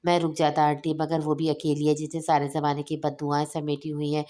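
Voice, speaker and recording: A woman reading aloud, voicing a grieving young man who speaks calmly and sadly. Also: sits low, brisk, natural voice. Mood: sorrowful. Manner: calm, sorrowful speech.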